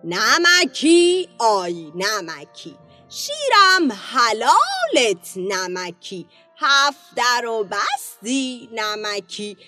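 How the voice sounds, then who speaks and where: A woman's voice: mid-range voice, close to an everyday voice. A woman doing a weary sing-song mother. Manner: slow sing-song rhyming lament. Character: weary lamenting mother of a little girl. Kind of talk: children's storybook narration.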